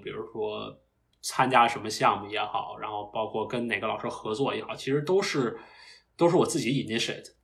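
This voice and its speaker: A man's voice: medium pitch, vocal fry. Reflective young man, rambling podcast guest. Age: young adult. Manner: reflective, meandering, many restarts. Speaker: guest, recent PhD graduate. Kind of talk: casual podcast interview.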